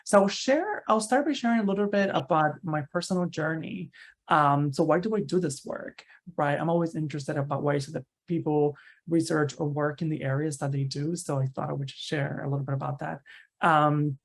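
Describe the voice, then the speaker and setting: A man's voice: on the high side, normal speed, creaky. Man presenting an online seminar. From Cuba. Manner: conversational, tags sentences with "right?", frequent restarts. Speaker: university researcher giving a seminar talk. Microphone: video call.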